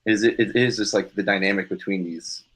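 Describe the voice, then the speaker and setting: A man's voice: lowish voice, steady tone, fairly quick, fairly bright tone, husky, rough recording. A man co-hosting a podcast, chatting casually with frequent laughs, fillers and restarts. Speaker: podcast co-host. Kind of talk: casual chat.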